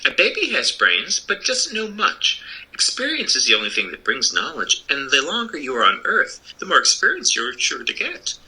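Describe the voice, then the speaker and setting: A man's voice: a little high, wildly swooping pitch, normal speed, sharp tone, husky, exaggerated voice, poor audio. A man voicing the Wizard of Oz as a kindly, apologetic old humbug, earnestly explaining himself in a storybook reading. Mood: apologetic, reassuring. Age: older.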